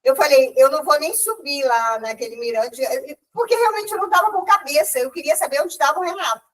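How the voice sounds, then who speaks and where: A woman's voice: high-pitched, brisk. A woman with a Brazilian accent gives an emotional testimony at a church meeting, often quoting herself and restarting her sentences. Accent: Brazilian Portuguese. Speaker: church group member giving a testimony. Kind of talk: animated storytelling testimony. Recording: voice from far off the mic.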